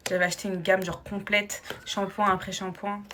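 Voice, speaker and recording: Speaking in a mid-range voice with a level tone and moderate pace, this young woman, a new mother, chats to her camera indoors at home. She addresses her audience as girls, uses plenty of fillers, and has a slight foreign accent in French. The recording has faint background noise and some clicks.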